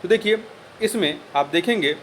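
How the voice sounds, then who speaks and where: A man's voice: high voice, moderate pace, fairly bright tone, slight background noise. A man working through a Hindi spelling test as a tutor, repeating each word and spelling out the corrections. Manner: explains corrections by repeating words and spelling them out. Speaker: exam tutor. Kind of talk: exam answer walkthrough.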